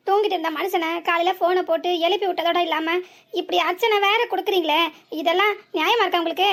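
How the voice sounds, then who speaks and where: Voice actor doing a half-asleep young guy, southern tamil nadu accent, high and quick, pleading. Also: fairly bright tone. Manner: pleading, groggy complaints. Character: sleepy young man, bewildered and pleading. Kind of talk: cartoon voice acting.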